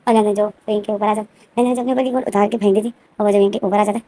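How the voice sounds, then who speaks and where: A woman casually retelling a fan-fiction story, with rapid, repetitive narration and many fillers. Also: medium pitch, fairly even intonation, warm tone.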